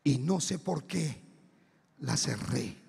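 A man preaching a dramatic testimony, shouting at some moments and hushed at others, with a raspy voice. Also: mid-range voice, lively intonation, takes it slowly. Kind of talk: sermon testimony. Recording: echoey hall with long reverb.

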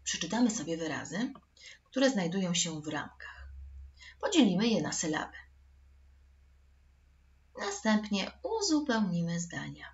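Give me a slow, patient woman teaching young children, slightly dull recording. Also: lowish voice, very animated. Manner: slow, patient, addressing pupils directly. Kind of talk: recorded school lesson for children.

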